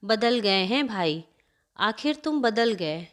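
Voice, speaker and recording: Lady doing crying young sister blaming her brother, clear voice. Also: mid-range voice, expressive, slow pace, fairly bright tone. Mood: accusing. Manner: accusing, sobbing. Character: tearful accusing young sister-in-law.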